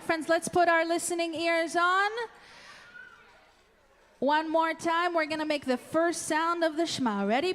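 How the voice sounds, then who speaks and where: A woman hosting interactive storytime for young children in a singsong, drawn-out, playful way, like a puppet show host. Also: high voice. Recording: echoey hall, ukulele music nearby.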